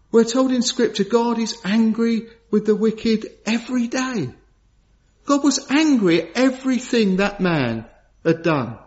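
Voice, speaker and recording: A man preaching a sermon in an earnest, solemn way. He repeats key phrases for emphasis and swings from raised, urgent questions to low, hushed gravity. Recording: dull lo-fi sound.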